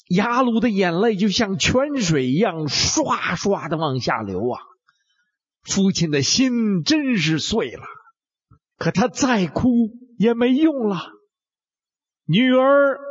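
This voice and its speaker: A man telling a Bible story in a dramatic, animated way, swinging between hushed lines and exclamations. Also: high-pitched, husky. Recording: dull lo-fi recording.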